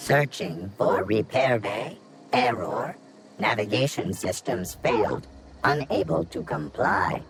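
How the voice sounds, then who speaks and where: A man voicing a calm, malfunctioning repair robot that speaks in clipped, emotionless announcements with a mechanical, robotic sound. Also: on the low side, slow, long pauses, music in the background. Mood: flat, mechanical. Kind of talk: video game voice acting. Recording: game audio with steady background noise.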